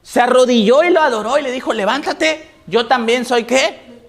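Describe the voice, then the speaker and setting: High-voiced preaching man, call-and-response. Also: normal speed. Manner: swings between raised emphatic reading and low, quiet asides. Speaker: pastor. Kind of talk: sermon.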